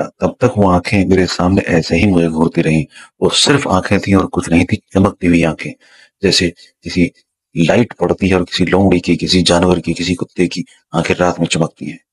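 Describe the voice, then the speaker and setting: Deep husky man telling a spiritual story. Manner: slow, dramatic storytelling with repeated words for suspense. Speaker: spiritual teacher. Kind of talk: storytelling a personal spiritual experience.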